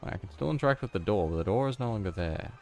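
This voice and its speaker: A man's voice: fairly low pitch, animated, racing, music in the background. A man giving casual, mumbling commentary while playing a video game, with self-deprecating asides. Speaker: gamer.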